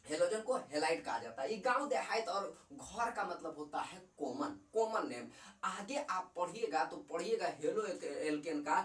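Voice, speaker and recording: A man's voice: high voice, expressive, moderate pace, fairly bright tone, reverberant, far from the mic. A man with a Bihari accent teaching a chemistry class in a chatty, repetitive way, quizzing the viewer as he goes. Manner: chatty, repeats and quizzes the viewer, mixes in dialect. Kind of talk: casual classroom lecture.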